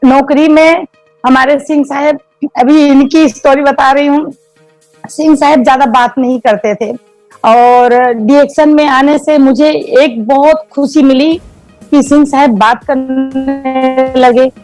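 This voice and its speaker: A middle-aged woman giving an emotional, heartfelt personal testimonial, telling her story in a lively way. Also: high voice, takes it slowly, no room sound, faint music behind, rough recording.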